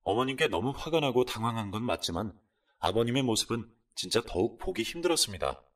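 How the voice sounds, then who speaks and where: Male narrator of a radio drama story, lively expressive delivery, a bit far from the mic. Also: mid-range voice, brisk. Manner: expressive storytelling in first person of a wife. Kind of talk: scripted narration of a listener's story.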